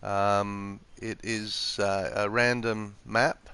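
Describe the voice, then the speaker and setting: This streamer's voice is fairly low and gravelly, with a sharp, clear, resonant tone, a level delivery, and drawn-out words. Congested from the flu, he provides easygoing, uncertain commentary while explaining the game, speaking into a PS4 gaming headset. The room he's in sits next to an office, and its windows are open.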